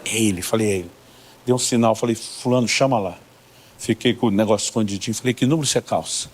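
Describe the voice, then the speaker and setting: A man's voice: on the low side, quick pace. A middle-aged man with a Brazilian accent, a pastor preaching a sermon through humorous personal stories, acting out both sides of conversations. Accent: Brazilian Portuguese. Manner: humorous storytelling, acting out dialogues with God and church members.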